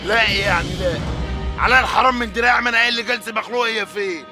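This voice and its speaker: An actor playing a stubborn, secretive brother with an Egyptian accent, gruff and defensive. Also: male voice, high-pitched, rapid-fire, over music, natural voice.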